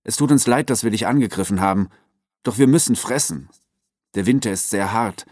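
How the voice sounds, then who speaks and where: A man reading aloud and voicing a wounded male wolf, leader of his pack, who talks calmly and reassuringly. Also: fairly low pitch, fairly quick, dry recording, voice pushed up, lightly acted. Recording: dry close recording.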